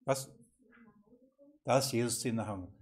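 A man's voice: medium pitch, a little slow, husky. A man teaching a Bible seminar, asking the group questions and acting out the quoted lines. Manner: lively, questioning the audience, acts out quoted lines.

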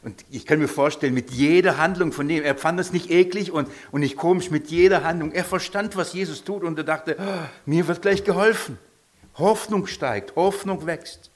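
A male preacher, delivering a sermon in a lively, questioning way. His voice often sinks to a quiet, low tone, and he draws his listeners in with questions. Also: normal speed, few pauses.

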